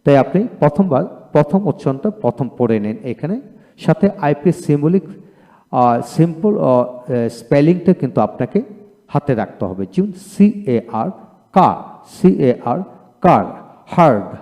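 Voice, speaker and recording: A man teaching a spoken English lesson, slowly drilling word pairs and repeating each one twice. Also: fairly high pitch, animated, mellow. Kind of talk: classroom-style pronunciation lesson. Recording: roomy hall reverb.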